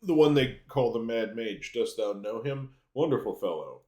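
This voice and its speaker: A man's voice: medium pitch, animated, normal speed, mellow, echoey room, pitched above the performer's own voice, close to an everyday voice. A man voicing a talkative, cheerful severed head from a game, speaking in polite archaic English. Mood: chatty, pleased. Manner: archaic, polite, unbothered speech. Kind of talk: game dialogue read aloud.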